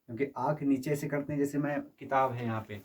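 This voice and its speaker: A man's voice: medium pitch, steady tone, fast, darkish tone. Distant male teacher quizzing his class. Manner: quizzes students with repeated questions and checks understanding. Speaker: physics teacher. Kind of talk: classroom lecture.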